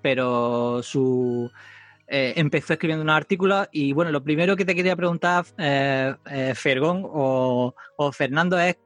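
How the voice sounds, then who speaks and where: A man hosts a podcast interview, working up to his questions hesitantly. His voice sits a little high. The sound is dry, with faint music underneath. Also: moderate pace, no echo. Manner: hesitant, with many fillers and restarts when asking questions. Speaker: podcast host. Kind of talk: casual interview hosting.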